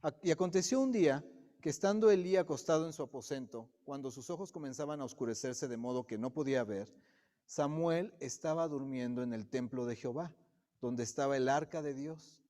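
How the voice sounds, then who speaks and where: A man's voice: medium pitch, brisk, mellow. A man preaching a sermon to his congregation, often putting direct questions to the listeners. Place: church sanctuary. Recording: long reverb of a church hall.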